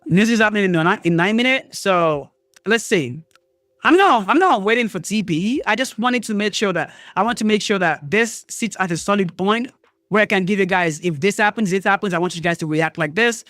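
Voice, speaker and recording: A man hosting a live trading stream, talking to viewers in an excitable way, swearing and thinking aloud, jumping between loud outbursts and low mutters. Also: brisk, dry recording, clean studio sound. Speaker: trading livestream host.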